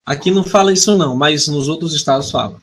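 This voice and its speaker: A man with a husky, fairly high voice speaks in a casual conversation. He is thoughtful and agreeable, and he explains his points with everyday examples. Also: fast talker.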